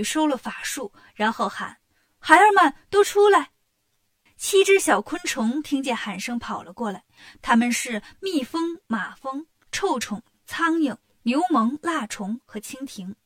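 A woman narrating a children's story in a lively, expressive way. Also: high-pitched, normal speed, no room sound, clean studio sound.

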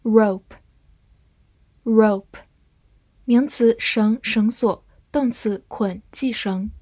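A woman teaching English vocabulary in a scripted lesson, reading each word twice and then its meanings in an even voice. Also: fairly high pitch, drawn-out words, no echo.

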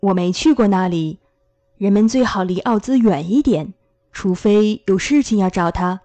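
A woman doing a serious, cautious village man from a children's storybook, her voice pitched lower and darker than her telling, with a dry, close sound. He speaks in a measured, sober way, as if giving a warning. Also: dark tone, no room sound, natural voice. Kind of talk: storybook reading.

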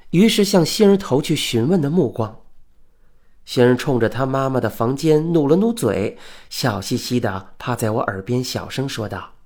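A man narrating an audiobook novel in a lively storytelling manner. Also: mid-range voice, breathy edge. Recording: faint background music.

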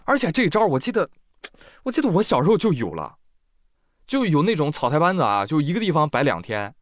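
A man's voice: on the high side, huge pitch swings, fairly quick, dry recording. A man giving comic news commentary, wisecracking and often laughing.

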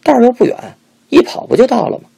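A man's voice: very animated, quick pace, vocal fry, dark tone, slightly rough, heavily acted. A man voicing a stingy, cruel middle-aged old-Beijing woman who bosses and scolds a young apprentice. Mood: defiant. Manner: shrill, scolding, bossy.

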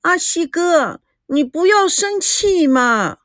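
A woman reads a tearful young woman in an audio story, her voice lifted high and dragged slow into a coy whine. The pleas come soft and sugary, a little distant from the mic, and the recording stays dry. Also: lively intonation, no room sound, full character voice. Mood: tearful pleading. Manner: coy, whiny, drawn-out pleading. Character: young woman crying and pleading sweetly.

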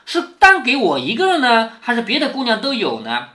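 A man voicing a touchy, sharp-tongued young noblewoman, pointed and cool in a storybook reading. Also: very high-pitched, wildly swooping pitch, brisk, pitched above the performer's own voice, heavily acted. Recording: roomy echo.

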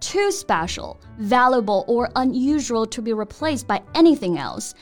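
A woman co-hosting an English lesson podcast in a bilingual, scripted teaching chat, reading English definitions slowly and clearly. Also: on the high side, very animated. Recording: soft music behind.

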